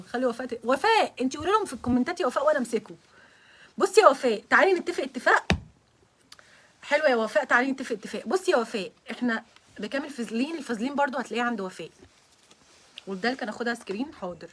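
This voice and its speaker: A woman's voice: sits high, fairly bright tone, breathy edge. A young woman with an Egyptian accent hosting a casual live stream, flustered and nervous and often breaking into giggles. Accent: Egyptian Arabic.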